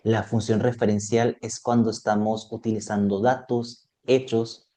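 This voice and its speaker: A man's voice: fairly low pitch, level tone, unhurried, mellow. A man teaching an online exam prep lesson, explaining topics step by step and checking in with his students.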